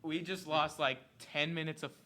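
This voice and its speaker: Guy co-hosting a podcast, bright highish voice, rushing and joking. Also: fairly even intonation. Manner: hurried, overlapping, joking. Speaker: podcast co-host. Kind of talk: casual podcast banter.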